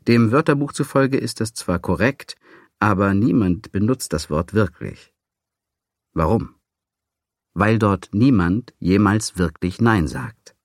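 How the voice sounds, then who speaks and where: Deep-voiced man narrating dryly. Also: animated, slow, no room sound, clean studio sound. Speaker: audiobook narrator. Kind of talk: scripted first-person narration.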